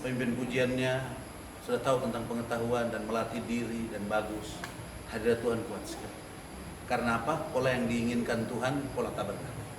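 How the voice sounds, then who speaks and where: A man teaching a church class on leading worship, lively, with rhetorical questions and frequent laughter. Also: medium pitch, a little fast. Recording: echoey room, mic far off, noisy.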